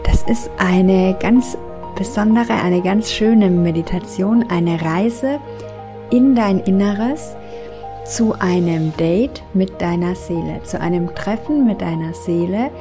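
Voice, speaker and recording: A woman narrating a guided meditation in a soft, soothing, gentle voice with long pauses. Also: mid-range voice, music in the background.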